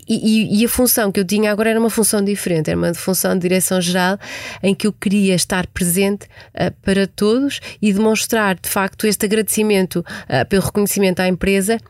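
A woman's voice: medium pitch, darkish tone, no echo. Female exec guest, 40s, European Portuguese accent, reflective and hesitant, dry close sound. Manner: reflective, frequent restarts and hesitations. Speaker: podcast guest, executive. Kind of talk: conversational interview answers.

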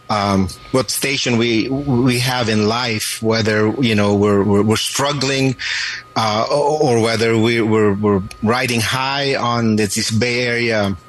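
A man in his late fifties, a pastor born and raised in the Philippines, answering radio interview questions in a halting way, with many restarts and fillers. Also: mid-range voice, fairly bright tone, rough recording.

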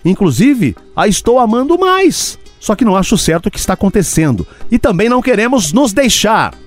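A man co-hosting a radio show, talking casually in an animated, expressive way. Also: high-pitched, fairly quick, soft background music.

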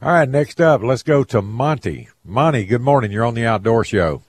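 A man's voice: medium pitch, lively intonation, normal speed, slightly rough, no room sound. A man hosting a call-in radio show and chatting casually with callers.

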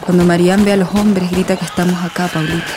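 A woman's voice: on the low side, flat delivery, quick pace, heavy background noise, close to an everyday voice. An actress voicing a desperate young mother fleeing with her baby, narrating in first person for an audio drama in a breathless, grieving manner.

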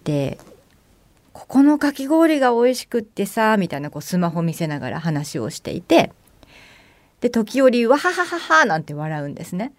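A middle-aged woman hosts her own radio show, chatting her way through an everyday story and putting on little voices for the people in it. Her pitch swings widely as she talks, and the studio sound is close and dry with no room echo. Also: big pitch swings, moderate pace, a little mellow. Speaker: radio host. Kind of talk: casual solo radio monologue.

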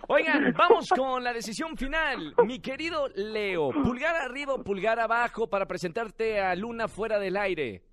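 A man hosting a playful radio dating segment, teasing and excitable. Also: extremely high pitch, moderate pace, hardly any pauses, no room sound, clean studio sound. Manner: teasing, excitable, laughs often. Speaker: radio host. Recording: radio show with music bed.

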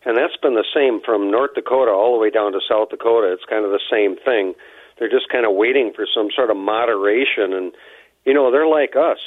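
A man's voice: mid-range voice, no echo. A man joining a radio show as the outdoors guest, a little winded and rambling with lots of fillers. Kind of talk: casual radio chat. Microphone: phone line. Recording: tinny phone line, dry.

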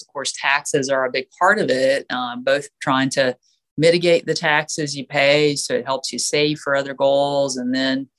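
A woman's voice: a bass voice, a bit bright. A woman with a stuffy, nasal voice from allergies, explaining finances as a podcast guest with frequent fillers. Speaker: certified financial planner guest.

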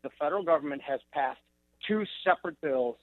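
A man as a guest analyst on a remote TV interview, exasperated and animated. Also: fairly high pitch, fairly quick, dry recording. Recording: tinny phone-like remote line.

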